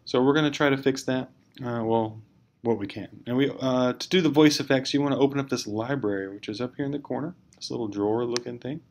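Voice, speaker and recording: A man with a mid-range, darkish voice talks fast while narrating a casual software tutorial screencast as a teacher. He explains step by step in an informal, hesitant way, and the clear recording has background noise.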